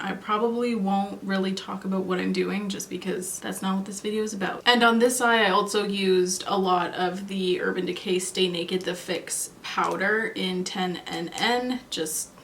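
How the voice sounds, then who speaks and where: A woman's voice: mid-range voice, steady tone, moderate pace, creaky, hardly any pauses, reverberant, a little hiss or hum. A woman in her twenties, chatting and rambling casually as she does her makeup for a vlog. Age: 20s. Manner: chatty, rambling, self-correcting. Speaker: beauty vlogger. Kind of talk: casual chat while doing makeup. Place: cold room at home.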